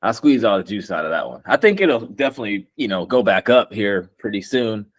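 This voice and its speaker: A man's voice: lowish voice, expressive, brisk. A man chatting casually about crypto investing in a slangy, confident, boastful bro manner. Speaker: crypto investor and video maker.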